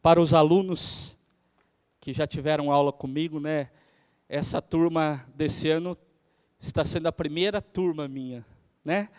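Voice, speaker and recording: A man, a theology professor lecturing on preaching, shifting his pace and loudness for emphasis. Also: fairly high pitch, steady tone, unhurried, clean tone. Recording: hall reverb.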